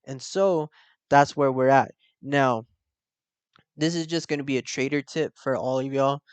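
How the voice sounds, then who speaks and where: A man's voice: mid-range voice, steady tone, a little slow, clean tone, no echo. A young man hosting a casual trading tutorial, explaining step by step with slangy asides and check-ins. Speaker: forex trading channel host.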